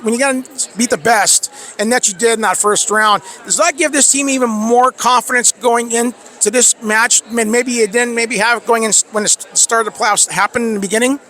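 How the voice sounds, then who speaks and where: A man working as a sports reporter, asking halting, chatty questions outdoors at a media day. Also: very high voice, pushed and bright. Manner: halting, chatty, laughs often. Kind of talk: press interview questions.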